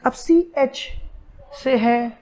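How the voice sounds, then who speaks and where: A man with an Indian accent teaching English pronunciation, mixing Hindi and English and slowing down to spell out the English words. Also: extremely high pitch, a little mellow. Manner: switches between Hindi and English, slow and deliberate on English words. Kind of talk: online pronunciation lesson. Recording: roomy echo.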